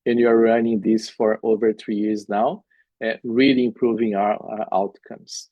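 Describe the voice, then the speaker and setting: A middle-aged Brazilian man, an obstetric specialist, gives an earnest medical presentation with slides at a workshop, speaking in non-native phrasing with a Brazilian Portuguese accent and frequent "uh" fillers. His lowish voice is flat and at normal speed, in a lo-fi recording with no room sound.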